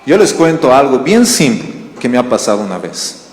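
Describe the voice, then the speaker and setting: A Bolivian pastor with a medium-pitched voice and moderate pace preaches a sermon in a church hall, and the recording carries the hall's roomy reverb. His delivery is animated as he tells stories and asks the congregation questions.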